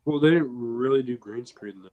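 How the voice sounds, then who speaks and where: A man's voice: mid-range voice, normal speed, phone-quality sound. A man co-hosting a casual fan podcast, recalling details in a thoughtful, hedging way. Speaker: podcast co-host.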